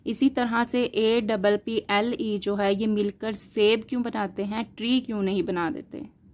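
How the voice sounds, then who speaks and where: A woman's voice: mid-range voice, fairly even intonation, darkish tone. A woman teaching linguistics in a lecture, explaining terms step by step, asking questions and answering them herself, and mixing English words into her Hindi. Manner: slow, deliberate, spells out examples letter by letter.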